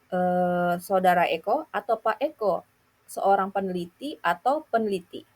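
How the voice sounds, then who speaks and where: A woman's voice: mid-range voice, unhurried, darkish tone. A woman explaining grammar in a careful scripted lesson, reading out example sentences with translations. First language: Indonesian. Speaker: Japanese language teacher.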